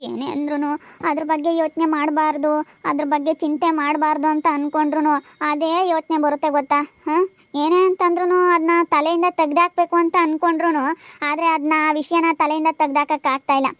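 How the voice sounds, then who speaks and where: A woman's voice: high voice, little pitch movement, fairly quick, a bit bright, no echo, dull audio. A woman with a rural central Karnataka Kannada accent playing a grieving woman who left her husband, tearful and lamenting, in an amateur village drama. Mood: sorrowful.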